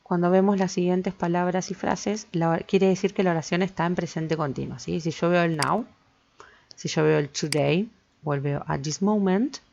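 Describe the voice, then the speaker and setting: A woman's voice: fairly low pitch, normal speed, vocal fry, darkish tone. A woman teaching English grammar to Spanish-speaking students, patiently going through each step and often checking "¿sí?". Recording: dull lo-fi with faint noise.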